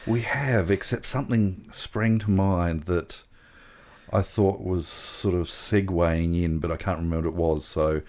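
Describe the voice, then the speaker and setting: A man co-hosting a podcast in casual chat, halting with restarts and chuckles. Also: deep voice, darkish tone. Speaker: podcast co-host.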